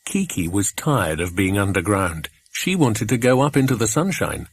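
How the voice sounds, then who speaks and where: A man reading a children's adventure audiobook aloud in measured, expressive narration. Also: lowish voice, husky. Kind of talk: scripted storybook narration.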